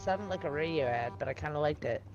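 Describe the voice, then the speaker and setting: A woman's voice: low-pitched, fast, a little mellow, lo-fi sound, faint music behind. A woman hosting a casual gaming stream, playfully hyping each player with mock-grand introductions. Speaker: stream host. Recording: faint background noise.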